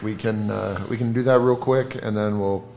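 A man with a low voice speaks in a dry, deadpan way while running a casual podcast chat. A faint room hum is heard behind him. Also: moderate pace, gravelly. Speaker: podcast co-host.

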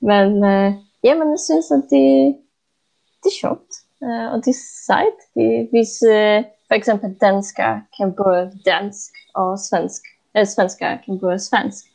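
A woman from Poland, a podcast guest, talking casually in a second language with many pauses, fillers and restarts, and often laughing. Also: mid-range voice, gravelly, darkish tone.

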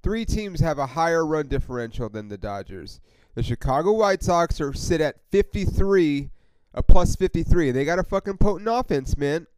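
A man's voice: a little high, animated, normal speed, darkish tone, smooth, no echo, rough recording. A man hosting a casual solo sports podcast, rambling and swearing with lots of fillers as a frustrated fan. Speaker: podcast host.

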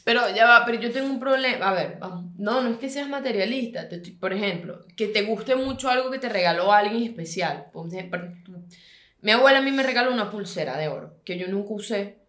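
A woman with a Venezuelan accent co-hosting a podcast, chatting casually in an animated way, swearing freely and laughing as she tells stories. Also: mid-range voice, fairly quick, roomy sound. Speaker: podcast co-host. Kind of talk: casual chat.

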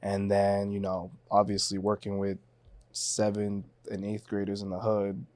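A man in his twenties from Haiti, a podcast guest telling his story in a relaxed, casual way. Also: on the low side, a little slow, dry recording. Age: 20s. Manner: relaxed, storytelling, laughs easily.

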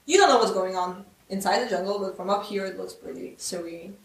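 A woman's voice: medium pitch, a little fast, gravelly. Woman, game master, tabletop game narration, laid-back, hesitant, distant mic, roomy echo.

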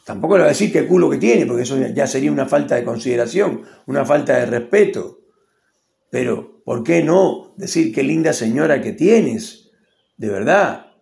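A man's voice: medium pitch, animated, normal speed, vocal fry, a little mellow. A man with a Rioplatense accent giving a rambling, opinionated casual monologue and acting out quotes. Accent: Rioplatense Spanish. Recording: echoey room.

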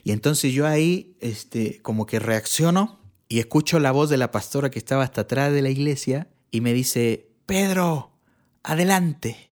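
A man from Chile, a church bass player, telling his testimony in a relaxed chat and acting out the people he quotes. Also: normal speed. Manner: animated, acts out the people he quotes. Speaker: guest sharing his testimony. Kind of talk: casual storytelling.

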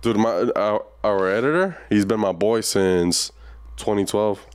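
A man's voice: on the low side, a little slow, clear, resonant tone. A young man chatting casually as a podcast co-host, blunt and heavy on swearing. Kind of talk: casual chat.

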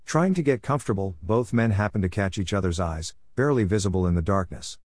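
A man reading a war story aloud as a narrator, in a measured, steady storytelling manner. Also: lowish voice, no echo, studio quality. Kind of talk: scripted audiobook narration.

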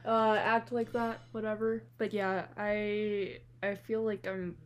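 A woman's voice: medium pitch, level tone, slow. Young woman chatting informally. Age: young adult. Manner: slangy, informal. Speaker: podcast co-host. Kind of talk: casual chat between friends.

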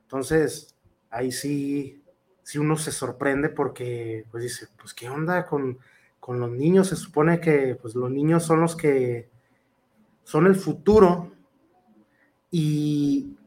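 A man's voice: on the high side, slow, darkish tone. A man with a Mexican accent, a professional wrestler answering interview questions in an earnest, rambling way full of fillers and restarts.

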